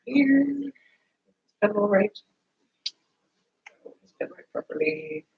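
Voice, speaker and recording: This high, creaky voice drags its words out over phone-quality sound. The speaker, a streamer and writer starting a cold, sniffles through casual chat while wrapping presents at home, rambling apologetically to viewers and talking to themself. The home recording is noisy.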